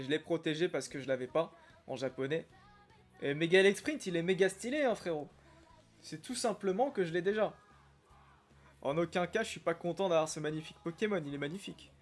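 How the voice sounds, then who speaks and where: Young guy on a live stream, kinda high voice, chatty and excitable, soft music in the background. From Algeria. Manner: chatty and excitable, greets viewers by name. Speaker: streamer opening trading cards. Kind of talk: casual live-stream chat reading comments.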